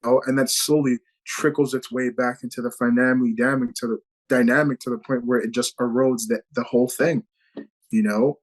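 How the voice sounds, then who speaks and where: A man's voice: mid-range voice, level tone, moderate pace, low-quality recording. A man being interviewed as an actor over a video call, talking in an earnest, reflective way with many "you know" fillers. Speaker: actor guest.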